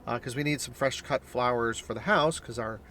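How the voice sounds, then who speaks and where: A man's voice: mid-range voice, fairly quick, sharp tone, slight background noise. A man chatting casually to the camera as a vlogger, upbeat and explanatory, recorded in a car and in a store. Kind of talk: casual vlog chat.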